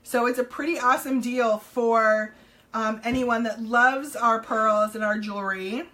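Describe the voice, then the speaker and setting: On a casual sales live stream from a room in her home, a New Jersey woman with a slightly hoarse, somewhat high voice greets viewers with lots of ums and hellos. She speaks unhurriedly with fairly even intonation and a bright, forceful tone, though the audio, captured by a camera across the table, is poor.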